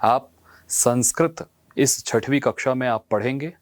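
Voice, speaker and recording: A male Sanskrit teacher, giving a school lesson and slowly drilling letter sounds for students to repeat. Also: mid-range voice, dry recording.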